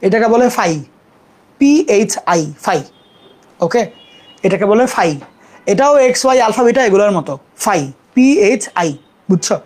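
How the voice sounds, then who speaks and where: A young adult teacher, giving a casual live math lesson, repeating terms slowly for students to copy and apologizing quickly for mistakes on the board. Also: mid-range voice, a little mellow.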